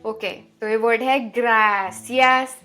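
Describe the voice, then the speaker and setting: Woman, language teacher, deliberate drawn-out words, encouraging questions, very slow, soft music behind. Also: fairly high pitch, fairly even intonation. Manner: slow, drawn-out spelling of each word; encouraging, asks questions to viewers. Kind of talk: online language lesson.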